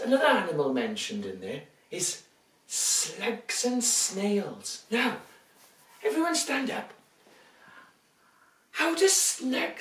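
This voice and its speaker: Overbright, animated woman hosting children's storytime. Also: mid-range voice. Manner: overbright kids' party host, exaggerated excitement; drawn-out, sing-song story lines with questions to children. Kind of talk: interactive picture-book reading for young children. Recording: roomy echo, distant from the mic.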